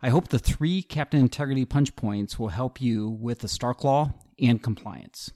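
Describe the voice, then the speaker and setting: A man's voice: mid-range voice, normal speed, warm tone. A man hosting a solo podcast, explaining healthcare law in a methodical, explanatory way with occasional restarts. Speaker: podcast host, healthcare attorney.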